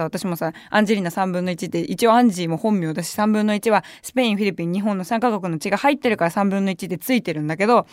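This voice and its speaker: A woman's voice: medium pitch, dry recording. A young adult woman hosting a radio show, telling a story in a chatty way with wry asides from a studio microphone. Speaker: radio host. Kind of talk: casual radio talk.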